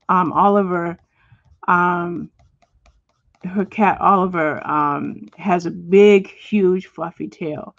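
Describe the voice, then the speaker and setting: A woman hosting a home livestream as she colors. She chats with viewers and answers them by name, and now and then she drops to a soft whisper. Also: lowish voice, no echo, lo-fi sound. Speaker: livestream host. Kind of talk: casual chat while coloring, reading viewer comments. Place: at home, indoors.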